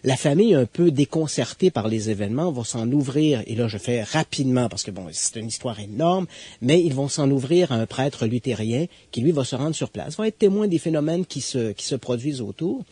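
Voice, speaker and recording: A man, recounting an exorcism case in a conversational storytelling style, building suspense with emphatic pauses. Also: mid-range voice, expressive, mellow, husky, no room sound. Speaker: guest expert.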